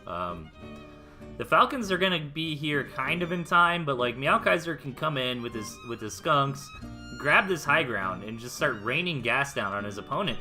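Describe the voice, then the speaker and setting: An American esports replay caster gives casual live commentary on a game at a moderate pace, with guitar music behind him. His medium-pitched voice is very bright, forceful and sing-song, and he explains plays in loose, slangy, conversational terms.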